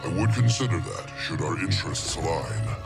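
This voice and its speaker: A man playing a brooding swamp monster in a video game, grave and measured, with a gravelly voice. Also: deep voice, animated, recorded from a distance, over loud music. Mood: grave, aloof. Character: brooding plant monster, male guardian of a swamp. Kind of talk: cinematic video game acting.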